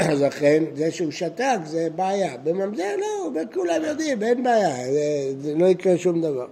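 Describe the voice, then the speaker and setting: A rabbi with a slightly high, expressive, dark-toned voice teaches a page of Talmud, reading lines aloud and explaining them one by one. He often poses questions and answers them himself, with slight background noise present.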